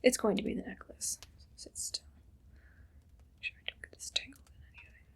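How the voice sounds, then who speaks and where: In an ASMR roleplay, a woman plays a haughty evil queen who is condescendingly kind, whispering breathily in a slow, deliberate, imperious way. She sounds condescending and pleased, her voice close to an everyday one.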